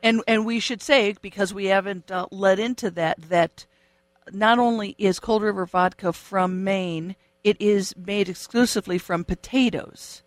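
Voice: mid-range voice, steady tone, unhurried, dry recording. Curious interviewer with a dry, close voice. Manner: curious, asks follow-up questions. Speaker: radio interviewer. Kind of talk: interview questions.

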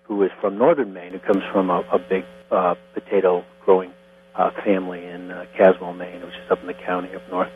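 A middle-aged man from Connecticut speaks as a guest distiller, walking through his work step by step in an unhurried, plain way. His voice sits low. It comes over a thin, phone-like line with a steady electrical hum behind it. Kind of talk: phone interview.

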